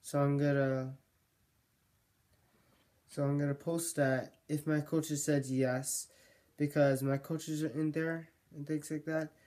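Rambling young male vlogger, slow mellow voice. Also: a little high, flat delivery. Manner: rambling, self-correcting, jokey. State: losing his voice. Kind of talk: casual vlog monologue.

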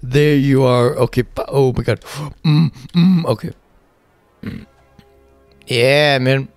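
A man's voice: mid-range voice, slow pace, dry recording, soft background music. A man giving casual, rambling let's play commentary, swearing often and talking to himself as he plays. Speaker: gaming channel host.

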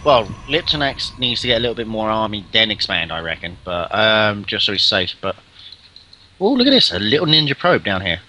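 A man casting a live video game match, getting excited at big plays. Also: fairly low pitch, fairly quick, hardly any pauses, slight background noise. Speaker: esports caster.

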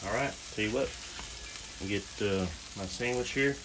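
A man's voice: on the low side, normal speed, background noise. A man hosting a casual cooking vlog at an outdoor grill, upbeat and repeating words for emphasis. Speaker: cooking channel host.

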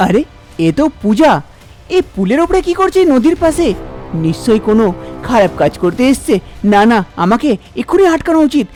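A woman's voice: fairly high pitch, big pitch swings, brisk, warm tone, soft background music. A woman voicing an anxious young man in a cartoon, pleading and worried. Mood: alarmed.

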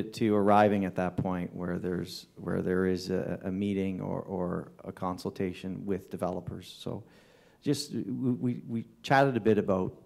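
A man delivering a town councillor's report at a council meeting, halting often with fillers and restarts. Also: deep voice, gravelly, darkish tone. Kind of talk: formal council report with ad-libbed remarks. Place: council chamber.

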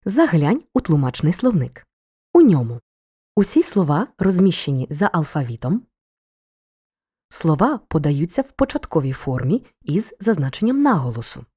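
Low, husky woman narrating a lesson. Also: dark tone. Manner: clear, measured explanations for children. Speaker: teacher. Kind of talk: scripted educational narration.

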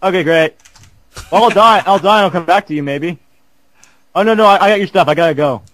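A man's voice: high voice, fairly quick, a bit bright. A man joining as a guest player, wisecracking in casual gameplay banter.

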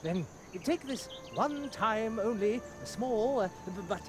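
Hammy, swooping old merchant mouse. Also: male voice, high voice, expressive, slow pace. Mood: proud, doting. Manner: hammy stage actor, grandiose salesman's patter. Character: theatrical aging mouse merchant, chatty doting father. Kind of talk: video game character acting. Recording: music behind the voice.

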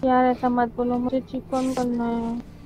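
A woman's voice: on the high side, completely flat delivery, unhurried, dark tone, soft background music. A woman giving tactical callouts to teammates in a game. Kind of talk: casual game chat. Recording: dull lo-fi mic.

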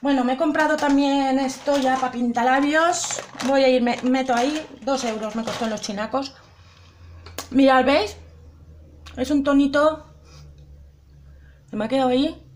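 A woman's voice: high voice, moderate pace, long pauses, slight background noise. A young woman chatting casually to her viewers through a makeup tutorial, often repeating and asking if they see. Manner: chatty, addresses viewers directly, repeats herself. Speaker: beauty vlogger.

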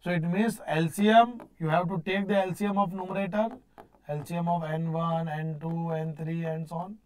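High-pitched North Indian man teaching. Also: little pitch movement, moderate pace, darkish tone. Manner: repetitive, emphatic, questioning himself aloud. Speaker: teacher of exam-prep engineering course. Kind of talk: classroom lecture mixing English with Hindi. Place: indoor teaching studio at a digital board.

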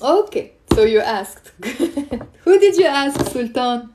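Hosting an informal live Arabic lesson from a small room at home, a woman in her thirties explains and quizzes her viewers through a phone held at arm's length. Her voice is fairly high with a Lebanese accent, and she speaks slowly over some background noise. Animated and encouraging, she repeats words with care.

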